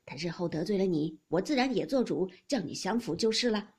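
A woman voicing an elderly grandmother who heads a great household, scolding sharply and lively in a breathy voice. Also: mid-range voice, brisk. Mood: teasing. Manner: sharp scolding, then teasing. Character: elderly matriarch grandmother, scolding yet doting.

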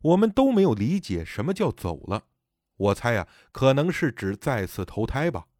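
A man narrating a story in an expressive storyteller's manner. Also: mid-range voice, moderate pace, no echo, studio quality.

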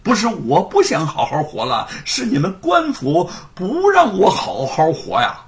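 A man playing a defiant old-time street storyteller, loud and indignant, declaiming his case. His voice rises high and swings widely. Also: wildly swooping pitch, unhurried, heavily acted. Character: defiant middle-aged male street storyteller.

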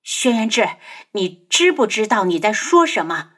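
A dignified young woman doctor speaks firmly, her pride turning to bitter mockery. A woman narrator reads her close to her own voice, with lively, expressive pitch. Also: a little fast, husky, exaggerated voice. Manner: firm, bitterly mocking. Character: proud young woman physician, hurt but dignified.

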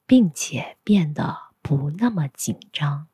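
A woman guiding a meditation in a soft, soothing, breathy spa-like whisper, giving gentle instructions. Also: low voice, expressive, slow pace, no room sound. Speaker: guided meditation narrator.

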